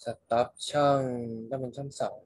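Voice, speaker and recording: A man's voice: medium pitch, little pitch movement, unhurried. A young man answering his teacher's questions in an online class, hesitant and brief. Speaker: student.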